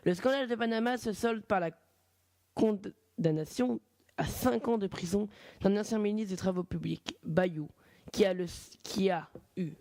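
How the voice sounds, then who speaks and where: A man's voice: high voice, a little mellow, no room sound. A young man with a French accent hosting a casual amateur radio show, chatty and informal, often correcting himself mid-sentence. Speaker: radio host.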